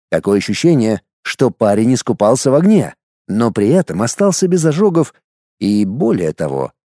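A male audiobook narrator telling the story in a measured, expressive way, with a lively, rising and falling melody. His voice is mid-pitched with a dark, mellow tone, and the recording is dry and close. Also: no room sound.

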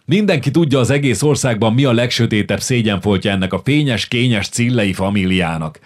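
A man voicing a big, hearty officer who roars with loud good humour in an audiobook. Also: medium pitch, pitched above the performer's own voice, close to an everyday voice. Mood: boisterous. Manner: roaring, jovial, loud. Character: boisterous hearty middle-aged army officer.

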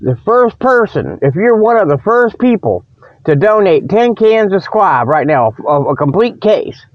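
This man's voice is high-pitched and very animated, yet his pace stays measured as he hosts a humorous report show, wandering through a comic radio monologue with mock sponsor pitches. His folksy, colloquial talk meanders and often loses the thread, and a lingering cold leaves a slight frog in his throat. The recording has no echo but sounds dull.

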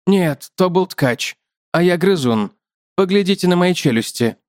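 A courteous little spider, as a male reader puts him on, talking in a lifted, higher voice with a matter-of-fact, lecturing manner. The storybook creature sounds close and dry, with no room around him. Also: expressive, measured pace, no room sound. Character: polite chatty male spider, a small biter.

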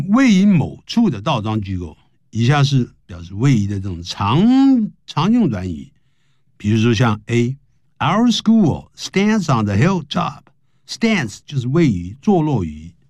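A man's voice: medium pitch, a little mellow, no echo. Guy doing an english grammar lesson on radio, swaps between chinese and english, dry close sound, mid voice. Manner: reads English example sentences slowly and carefully. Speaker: English teacher.

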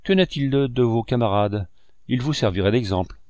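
A man's voice: mid-range voice, expressive, normal speed, a little mellow, no room sound, clean studio sound, lightly acted. A man doing a sugary, cruel padrone. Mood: mock-tender. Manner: sugary, mock-tender, then sneering. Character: cruel, oily middle-aged male padrone who beats children.

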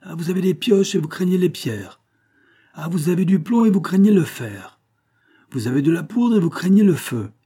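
A man voicing a fiery, defiant middle-aged farmer who shouts and rouses a crowd in a storybook reading. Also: high voice, expressive, moderate pace, slightly rough, pitched above the performer's own voice. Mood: furious rousing. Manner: shouting, rousing, indignant.

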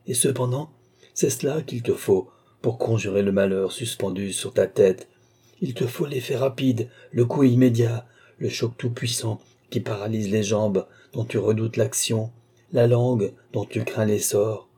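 A man's voice: fairly low pitch, fairly even intonation, measured pace, warm tone, slightly rough. A man voicing a feverish, obsessive male sorcerer who speaks in intense, willful incantations. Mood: desperate.

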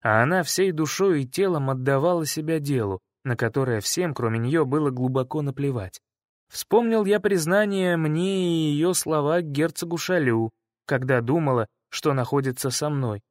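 Male audiobook reader, slightly higher voice, dry sound, measured dramatic delivery. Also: no room sound. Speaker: audiobook narrator. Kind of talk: first-person audiobook narration.

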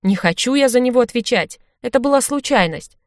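A woman's voice: a little high, lively intonation, brisk, no echo, clean studio sound, pitched above the performer's own voice. A woman voicing a spoiled, scheming young noblewoman who pleads and insists, in a storybook reading. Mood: pleading.

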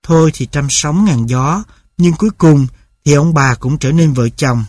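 A man reading a novel aloud as narrator, in a steady, measured way. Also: on the high side, dry recording, clean studio sound.

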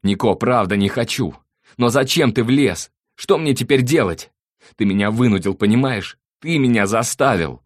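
A man's voice: mid-range voice, expressive, normal speed, dry recording, clean studio sound, pitched above the performer's own voice, close to an everyday voice. A man reading an audiobook, voicing a desperate, panicky male cousin who whines and pleads near tears. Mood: pleading, whining.

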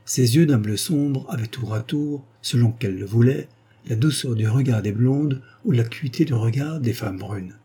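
A man narrating a novel as an audiobook in an even, measured reading. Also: medium pitch, breathy edge.

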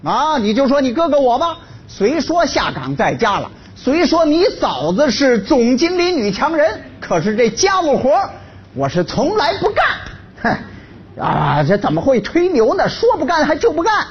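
A laid-off husband in a stage comedy sketch, loud and boastful one moment and stammering and fawning the next. The voice sits high and swings widely in pitch. The recording is slightly dull, with faint stage ambience. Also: male voice, huge pitch swings, normal speed, slight background noise, exaggerated voice. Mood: bragging. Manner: brags loudly, then grovels and stammers.

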